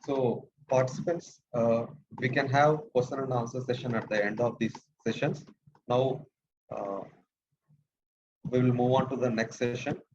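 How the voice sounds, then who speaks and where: A man's voice: mid-range voice, fairly even intonation, moderate pace, a little mellow. A man with an Indian English accent moderating an online workshop, politely reading out a speaker's introduction. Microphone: computer mic on a video call. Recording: dull lo-fi call audio with faint noise.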